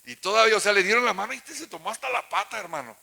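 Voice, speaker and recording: A man's voice: high voice, expressive, racing, creaky, pushed and bright. A man with a Mexican accent preaching a fervent, emphatic sermon as pastor, often checking that the congregation follows.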